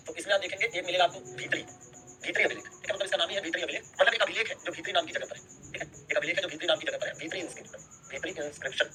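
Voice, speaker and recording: A man's voice: a little high, bright, forceful tone, a little hiss or hum. A young man teaching a history class, repeating key terms and checking in with students after every point. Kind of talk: live online class lecture.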